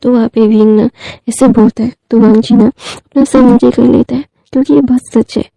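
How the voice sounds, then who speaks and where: A woman's voice: a little high, steady tone, moderate pace, creaky, dark tone, dry recording, low-quality recording. A woman narrating a fan fiction story in a casual, conversational way with frequent asides and fillers.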